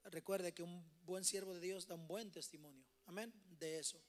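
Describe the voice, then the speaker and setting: A man's voice: sits high, steady tone, normal speed. A man leading a church Bible study, exhorting the congregation and repeatedly addressing them as brothers. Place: church hall.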